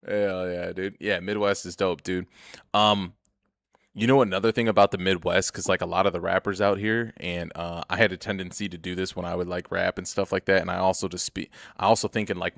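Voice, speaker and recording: A young gaming streamer with a deep, gravelly, slightly bright voice talks briskly in a level tone, rambling and swearing as he tells viewers about himself over casual gameplay. He's chatty and laughs often, captured in a dry, studio-quality recording.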